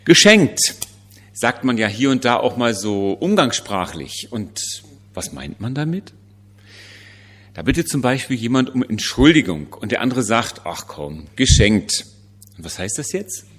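A man's voice: mid-range voice, very animated, normal speed, fairly bright tone, slightly rough. A man preaching a conversational Christmas sermon, emphatic and full of rhetorical questions.

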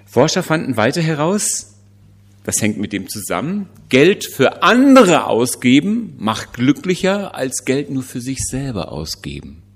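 A man's voice: medium pitch, wildly swooping pitch, a little slow, breathy edge. A man preaching a conversational Christmas sermon, emphatic and full of rhetorical questions.

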